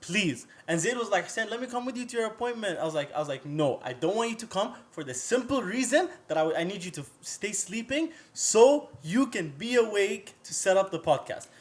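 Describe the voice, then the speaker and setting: Young male co-host with a slightly raised pitch, lively teasing storyteller, talks fast. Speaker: podcast co-host. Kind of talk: casual storytelling chat.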